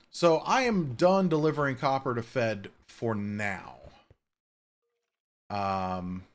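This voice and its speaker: A man's voice: mid-range voice, a little hiss or hum. A man giving casual, chatty gameplay commentary at home, swearing offhandedly and cooing at his cat. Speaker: Minecraft streamer.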